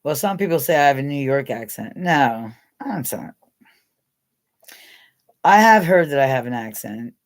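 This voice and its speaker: This middle-aged American livestream host has a rumbling low voice, animated at normal speed, with long pauses. Chatty and giggly, she wanders from topic to topic, laughs a lot, and speaks directly to viewers by name in a casual live chat.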